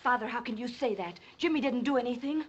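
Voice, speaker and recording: A woman plays a defiant young frontier daughter, earnest and protesting in western drama style. Her voice is fairly high on a dull old soundtrack. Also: quick pace, lightly acted. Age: young adult.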